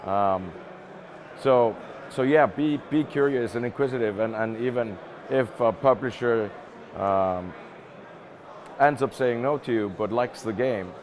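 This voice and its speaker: An interview guest who works as a game publishing executive, this middle-aged Icelander speaks at a medium pitch and takes his time. His answers are casual, and he repeats words while thinking aloud. A crowded event buzzes in the background.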